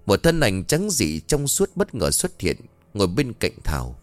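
A man narrating a dramatic ghost story in an expressive, lively way. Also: on the low side, moderate pace, soft background music.

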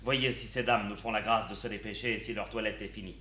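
An actor playing a suave, mock-pious playwright and secret suitor in a classic French stage comedy, declaiming theatrically. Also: male voice, on the low side, steady tone, fast, pushed and bright. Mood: brisk. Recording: echoey room, faint noise.

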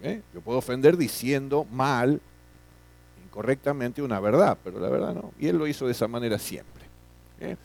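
A man's voice: mid-range voice, animated, moderate pace, creaky, darkish tone. A middle-aged man teaching a classroom lecture, often tagging his sentences with questions and repeating words.

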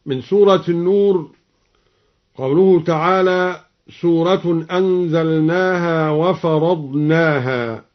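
High-voiced man teaching Quran readings, lo-fi radio. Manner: measured explanation followed by drawn-out melodic recitation. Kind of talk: explaining and demonstrating Quran recitation readings. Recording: dull lo-fi archive radio recording.

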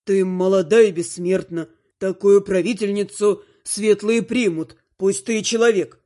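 Brief: woman voicing a placid, oblivious elf husband in a storybook reading, slow and lowered. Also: steady tone, warm tone, lightly acted. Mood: soothing. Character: calm, doting immortal elf husband, oblivious. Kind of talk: audiobook character voice.

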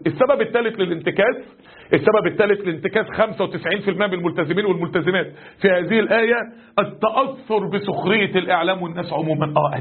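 A man preaching an Egyptian colloquial sermon lesson, animated and full of rhetorical questions. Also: high-pitched, husky. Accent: Egyptian Arabic. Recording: tinny lo-fi recording.

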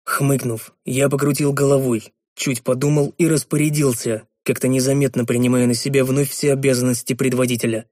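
A man reading a story aloud as audiobook narration, measured and even. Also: medium pitch, no echo, studio quality. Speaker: audiobook reader. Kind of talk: scripted narration.

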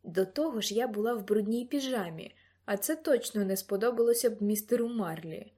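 A woman narrating an audiobook in an even storytelling manner. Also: mid-range voice, a little fast, slightly rough. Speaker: audiobook reader. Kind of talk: scripted narration.

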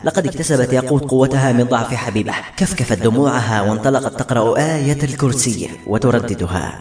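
Guy reading a novel out loud, fast, echoey room, soft music behind. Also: medium pitch. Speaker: narrator. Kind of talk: scripted narration.

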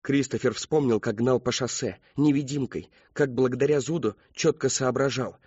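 Brief: a man narrating an audiobook, husky, mid-pitched, dull dry sound. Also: moderate pace, no room sound. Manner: steady dramatic storytelling. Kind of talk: scripted narration.

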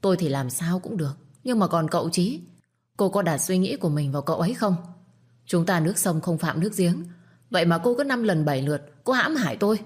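A woman's voice: lowish voice, expressive, a little fast, a little mellow, breathy edge. A woman voicing a composed young wife who answers accusations in a cold, cutting, firm way. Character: cool, sharp-tongued young wife. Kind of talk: storytelling with acted dialogue.

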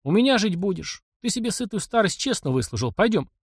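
Decisive young man, plain-spoken, animated delivery, read by a man. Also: high-pitched, a little fast, breathy edge, dry recording, studio quality, pitched above the performer's own voice, exaggerated voice. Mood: firm. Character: young man, decisive and kind, gives orders.

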